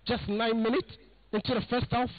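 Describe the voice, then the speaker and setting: A man giving live football commentary, calling out "ladies and gentlemen" as he narrates play. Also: very high voice, level tone, a little fast. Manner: keeps addressing "ladies and gentlemen". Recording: phone-like narrow sound.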